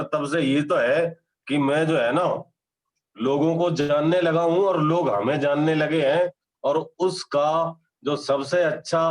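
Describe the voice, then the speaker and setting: A man's voice: a little high, poor audio. A man from Noida, a participant on a video call, rambling in lavish praise and calling the host sir again and again. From Noida, India. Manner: effusive, rambling, keeps addressing "sir". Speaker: participant giving feedback.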